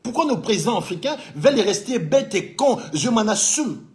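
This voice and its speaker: High-voiced man from Congo, heated commentator who lectures and scolds. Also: sing-song, moderate pace, a little mellow. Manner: fiery, scolding, repeatedly addressing the president directly. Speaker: business owner living in France.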